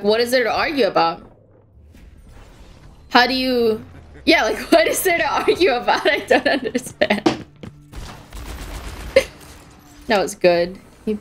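A woman's voice: mid-range voice, slight background noise. A young woman streaming a game, chatting casually and giggling as she reacts to the match and her chat.

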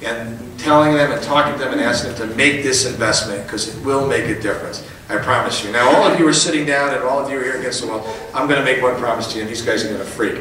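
Middle-aged guy at a podium firing up a rally, bright voice, faint room hum, big echoey function hall. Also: mid-range voice, fast, few pauses, far from the mic. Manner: folksy, rousing, rising to emphatic peaks. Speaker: politician. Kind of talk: campaign rally speech. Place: large indoor function hall. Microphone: podium mic, recorded by a far camera.

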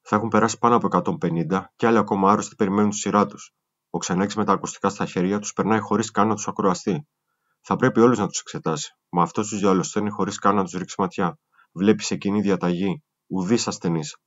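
Low-voiced guy reading a memoir out loud, steady and grave, kinda muffled lo-fi sound. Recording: muffled lo-fi recording.

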